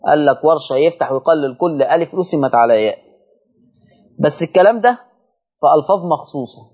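A man with an Egyptian accent teaching Quran recitation rules on a televised lesson, chanting verses slowly and explaining in quick colloquial asides. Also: fairly high pitch, animated, darkish tone, breathy edge, lo-fi sound. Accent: Egyptian Arabic.

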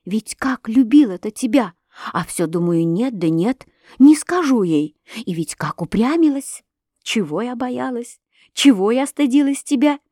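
A woman voicing an impulsive, proud young princess who talks emotionally and bursts into excited outbursts. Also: fairly high pitch, measured pace, dry recording, clean studio sound. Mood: affectionate. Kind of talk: audiobook reading.

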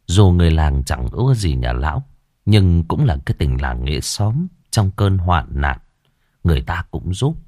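A man narrating a village horror story in a dramatic, expressive storytelling manner. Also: sits low, moderate pace, no echo, clean studio sound.

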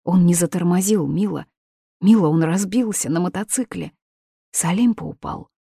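A woman's voice: lowish voice, normal speed, vocal fry, dark tone, breathy edge, no echo, clean studio sound. Woman reading a shaken grave young man. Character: shaken young man bearing bad news.

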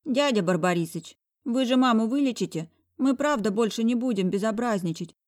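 A woman's voice: on the high side, expressive, brisk, a little mellow, no room sound, studio quality, voice pushed up, natural voice. A woman voicing a cheeky, bossy little girl pleading in an audiobook.

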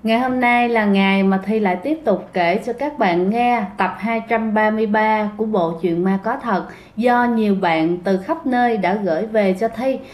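A woman's voice: mid-range voice, normal speed, reverberant. A woman narrating ghost stories in a chatty way, often speaking straight to her listeners. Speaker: storyteller host. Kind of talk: casual ghost story narration.

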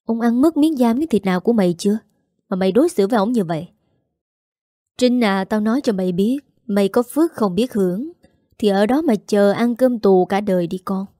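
A woman's voice: mid-range voice, brisk, warm tone, dry recording, clean studio sound, natural voice. A woman voicing a harsh, scornful woman, sneering and scolding. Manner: sneering, scolding, later falsely sweet.

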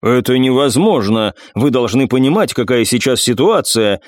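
A man's voice: medium pitch, lively intonation, normal speed, no room sound, lightly acted. A man playing a falsely polite, insistent male assassin in an audiobook. He speaks in clipped, pressing phrases. The recording is dry and close. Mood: urgent.

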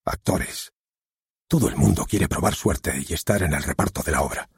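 A man voicing a chatty theatergoer who talks in hushed whispers. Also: deep voice, moderate pace, breathy edge, no echo, clean studio sound, heavily acted. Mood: confiding.

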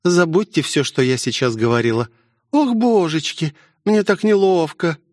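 A catty young woman, her voice pitched high and dripping with fake sweetness, as a male narrator puts her on. She taunts in a dry, close-miked audiobook recording. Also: moderate pace, darkish tone, no echo, close to an everyday voice. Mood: sneering. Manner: sneering, mock-sweet. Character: scheming young woman pilot, mocking, spiteful.

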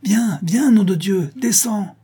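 Gruff country farmer in a storybook, blunt and commanding, husky and dark , as the narrator plays him. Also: male voice, medium pitch, fairly quick, close to an everyday voice. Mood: panicked. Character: gruff rural farmer roused at night.

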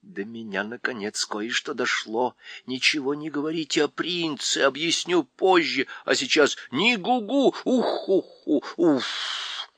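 A man voicing an excitable, fussy female owl who hoots and rhymes in a sing-song way. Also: mid-range voice, takes it slowly, few pauses, dry recording. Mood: whispering. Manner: hooting, rhyming sing-song.

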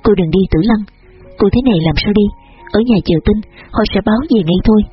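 A man voicing a firm young man who calmly steadies a panicked girl. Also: high voice, quick pace, slightly rough, dull audio, faint music behind. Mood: firm calming.

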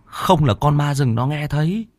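Man voicing a scared young apprentice, stammering, high and lively. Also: moderate pace, no echo. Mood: timid. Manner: fearful, stammering. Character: timid young male apprentice boy.

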